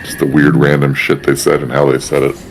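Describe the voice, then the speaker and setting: A man's voice: a bass voice, completely flat delivery, brisk. A man streaming a game and chatting casually, cracking crude jokes and laughing easily. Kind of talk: casual chat while gaming.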